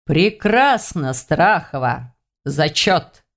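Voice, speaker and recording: A woman's voice: deep voice, lively intonation, very slow, voice pushed down, heavily acted. A woman voicing a smug, condescending male magic teacher.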